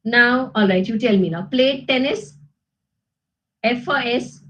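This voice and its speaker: On lo-fi audio, a woman with a fairly high, slightly bright voice takes her time teaching a grammar lesson. She speaks with an Indian English accent, explaining patiently and often checking in with "okay?" and "isn't it?".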